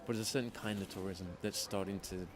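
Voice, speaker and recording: A man's voice: lowish voice, steady tone, fast. A man chatting casually as an interview guest, self-deprecating and full of restarts. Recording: loud street and traffic noise.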